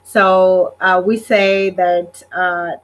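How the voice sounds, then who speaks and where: With a fairly low, flat voice and drawn-out words, a Kenyan woman talks directly to viewers on her casual solo livestream. Her speech is heavy with fillers and hesitations.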